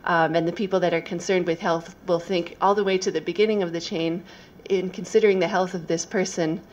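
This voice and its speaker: Lower-pitched woman giving a conference talk. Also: steady tone, a little fast, highs cut off. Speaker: conference speaker. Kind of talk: conference presentation.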